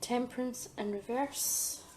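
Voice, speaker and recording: A woman who is a psychic medium giving a pick-a-card tarot reading, hesitant with many ums, losing her voice and clearing her throat. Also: fairly high pitch, fairly even intonation, measured pace, echoey room, noisy background.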